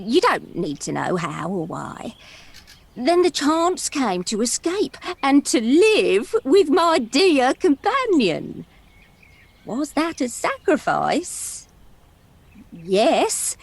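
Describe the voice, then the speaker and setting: Theatrical princess with swooping high voice. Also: female voice, full character voice. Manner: dramatic, giggly, wistful storyteller. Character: theatrical, chatty princess, fond companion of a dragon. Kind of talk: stage-comedy monologue, storytelling to a reporter.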